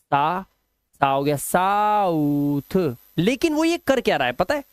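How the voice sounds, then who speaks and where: A man's voice: high-pitched, wildly swooping pitch, fast, no room sound. A male English teacher running a phonics lesson, drilling pronunciation rules and scolding his students.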